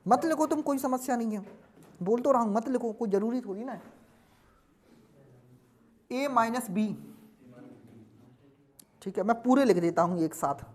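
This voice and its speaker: A man's voice: very high voice, moderate pace, long pauses, a little mellow. A man teaching a classroom lesson, drilling students with repeated questions and answers and scolding them now and then.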